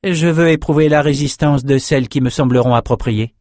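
A man's voice: mid-range voice, a little fast, a little mellow, no room sound, studio quality, pitched above the performer's own voice, lightly acted. A man voicing a stern, determined woman sorceress in an audiobook, speaking firmly and with measure.

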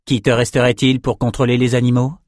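A man's voice: mid-range voice, level tone, quick pace, a little mellow, no echo, clean studio sound, natural voice. A man reading an audiobook voices a scornful nobleman who mocks his rival. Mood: mocking. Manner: sneering, amused. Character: Maxime, a mocking scornful nobleman.

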